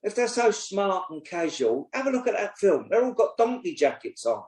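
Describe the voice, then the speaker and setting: He speaks in a high-pitched voice with big pitch swings, a slightly mellow tone, and normal speed. He's a man in his 60s, co-hosting a casual football podcast as a blunt, opinionated pundit who swears freely. It's casual chat, recorded with a roomy echo.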